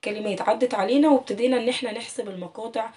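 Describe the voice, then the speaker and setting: Egyptian woman teacher, higher pitch, patient and clear, stretches example words, mic set back a bit. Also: warm tone, far from the mic. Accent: Egyptian Arabic. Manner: clear, patient explaining with drawn-out sample words. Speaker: English teacher. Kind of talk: casual online lesson.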